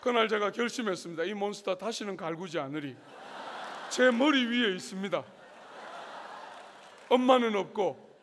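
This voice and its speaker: A middle-aged male pastor preaching a sermon at a student conference, telling a story with humor and acting out the scene. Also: high voice. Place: large university hall. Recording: long hall reverb.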